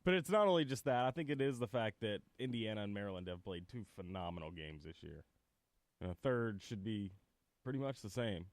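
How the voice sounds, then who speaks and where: Easygoing Midwest co-host, lively voice. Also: male voice, on the low side, fairly quick, no room sound. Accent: American Midwest. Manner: laughs easily, talks in long, searching sentences. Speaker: sports radio co-host. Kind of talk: casual sports talk radio banter.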